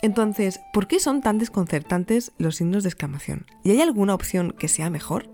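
A woman's voice: mid-range voice, lively intonation, moderate pace. A young woman with a Spain Spanish accent hosting a podcast, chatty and emphatic, with playful self-mocking asides. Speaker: podcast host. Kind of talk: chatty scripted podcast monologue. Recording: faint music behind the voice.

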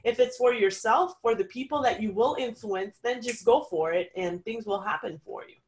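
A woman's voice: fairly high pitch, moderate pace, a little hiss or hum. Woman chatting as a guest. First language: French. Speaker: interview guest, podcast host. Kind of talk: conversational personal anecdote and advice.

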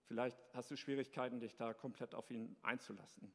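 A man's voice: medium pitch, fairly even intonation, a little fast, a bit bright. Guy giving an earnest, encouraging devotional talk, mid voice, echoey hall. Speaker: speaker of a short devotional talk. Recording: long reverb in a hall.

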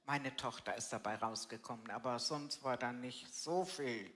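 With a bass voice, a moderate pace and a fairly bright tone, an older woman shares her life story as personal testimony. It's a casual interview at a live church event with an audience, and she talks bluntly and colloquially, frequently tacking "ne" onto her sentences.

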